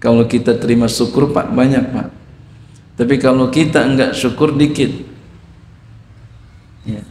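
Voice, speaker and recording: A man's voice: medium pitch, steady tone, a little slow, long pauses, a little mellow, a little hiss or hum. A man giving a sermon, explaining Arabic text phrase by phrase and asking his listeners questions. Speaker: Islamic teacher. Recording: echoey hall.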